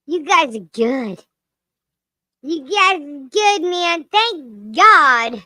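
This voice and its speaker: A piercing, childlike cartoon lemur. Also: female voice, high voice, sing-song, drawn-out words, no echo, clean studio sound, exaggerated voice. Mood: mock-indignant. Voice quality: piercing, loud, sharp. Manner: playful, giggly, potty-mouthed. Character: childlike cheeky crude lemur puppet named Crayola. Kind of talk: improvised live-stream character comedy.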